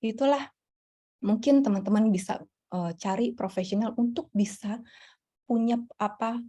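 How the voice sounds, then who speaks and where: A woman psychologist answering audience questions in a relaxed, explanatory talk, with frequent fillers and a style touch. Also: fairly high pitch, moderate pace. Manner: warm explanatory, many fillers. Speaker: psychologist guest. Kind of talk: casual Q&A talk.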